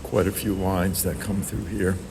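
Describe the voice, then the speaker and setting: A man's voice: low-pitched, level tone, a little slow, gravelly. A man narrating casually as a travel vlogger, hesitant and thinking aloud as he goes. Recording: noisy subway and street ambience. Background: transit ambience, vehicle noise.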